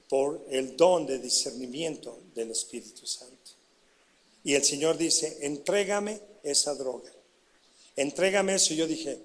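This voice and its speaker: A middle-aged pastor with a Mexican Spanish accent preaches his testimony in a high, bright voice. He tells the story with lively energy and keeps turning to the congregation with questions. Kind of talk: sermon testimony.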